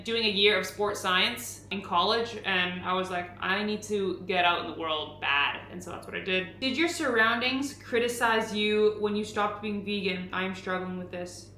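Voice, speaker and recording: A woman's voice: mid-range voice, bright, forceful tone. A young woman from Canada answering viewer questions in a casual chat, full of "like" fillers and the odd swear word. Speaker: fitness creator and host. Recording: echoey room with faint background noise.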